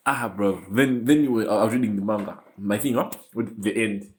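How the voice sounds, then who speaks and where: A man's voice: lowish voice, steady tone, normal speed, darkish tone. A young man from Africa co-hosting a podcast, chatting in slang with frequent laughs and restarts. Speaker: podcast co-host. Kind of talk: casual chat.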